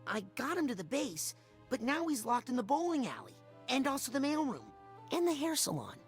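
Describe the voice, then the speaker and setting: A woman's voice: sits high, very animated, fairly quick, soft background music. A woman voicing an earnest, hesitant young boy psychic agent in a video game. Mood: urgent.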